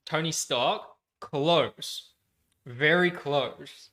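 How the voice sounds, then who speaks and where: A man's voice: on the high side, extremely slow, a bit bright. A man co-hosting a casual podcast livestream, chatty, laughing often and swearing casually. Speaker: podcast co-host.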